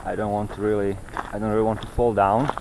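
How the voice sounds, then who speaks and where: A male vlogger walking a mountain trail gives a rambling monologue on ancient texts in halting, non-native English, searching for words and repeating himself. His voice is lowish, flat and darkish. The handheld outdoor recording is noisy and has clicks.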